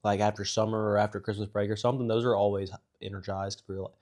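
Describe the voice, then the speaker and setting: A young man co-hosting a relaxed talk show. His voice sits somewhat low, and he talks in an easygoing, agreeable way with frequent hesitant fillers. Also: very fast. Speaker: podcast co-host. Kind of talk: casual chat.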